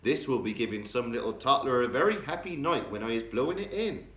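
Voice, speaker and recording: A man voicing an excitable old male giant who mangles his grammar, invents words and bursts into loud exclamations. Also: medium pitch, brisk, roomy sound, voice pushed up, lightly acted. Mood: excited.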